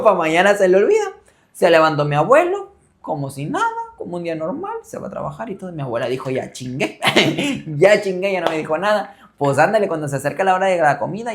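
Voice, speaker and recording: A young man with a Mexican accent hosting a casual show, telling a personal story with lively acted-out quotes and frequent laughter. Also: a little high, vocal fry, a little hiss or hum. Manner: animated, acts out relatives' quotes, laughs often. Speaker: host.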